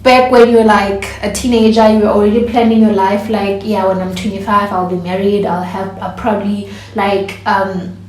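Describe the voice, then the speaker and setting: A woman's voice: mid-range voice, level tone, normal speed, a little mellow. A woman, chatting casually to camera as a vlogger and laughing often. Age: 20s. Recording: echoey room.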